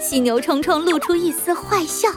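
A woman's voice: very high voice, normal speed. A woman narrating a children's story as the storyteller. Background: music.

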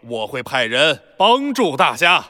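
A man's voice: mid-range voice, big pitch swings, unhurried, bright, forceful tone, dry recording, studio quality. A man playing an earnest, decisive reforming emperor, theatrical and proclaiming, in a children's audio drama. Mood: firm proclaiming.

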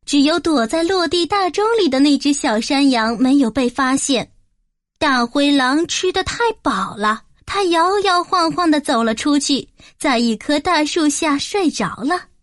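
A woman tells a children's fairy tale in a clear and measured way. Her voice sits high, and the recording is dry and close. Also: expressive, dry recording. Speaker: storyteller. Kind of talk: children's story narration.

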